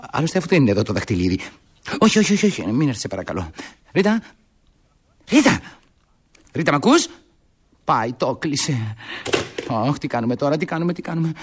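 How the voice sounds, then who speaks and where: Husky, flustered young dreamer, lively pitch swings. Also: male voice. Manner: dreamy and grand, then frantic and pleading on the phone.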